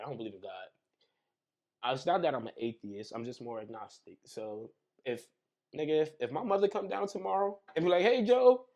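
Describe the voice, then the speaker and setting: A man's voice: mid-range voice, dull audio. A young man, a podcast guest, talking casually over drinks and telling vivid stories full of slang and sound effects. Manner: animated storyteller, heavy slang, acts out scenes with sound effects.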